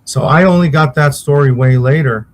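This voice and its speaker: A man from Israel whose first language is Hebrew answers interview questions conversationally as the uncle of a victim. His slightly high voice is hesitant and halting, with many pauses as he searches for words.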